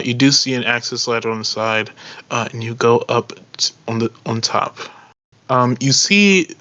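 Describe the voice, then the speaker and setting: A man's voice: mid-range voice, sharp tone. A man narrating as game master of a tabletop role-playing game, hesitant with many ums and uhs.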